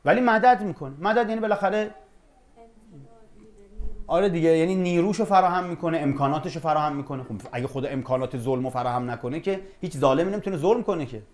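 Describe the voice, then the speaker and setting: Man, fairly high voice, informal religious lesson, chatty teacher, slow verse recitation. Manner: conversational, recites Arabic verses slowly. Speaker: Quran class teacher.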